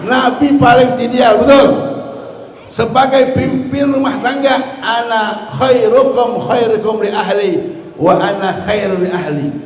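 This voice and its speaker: A man preaching a lively Maulid sermon, joking with his listeners and breaking into sung verses. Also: sits high, slight background noise. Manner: jokey, banters with the audience, breaks into sung verses. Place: mosque hall. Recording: echoey hall, faint ambience.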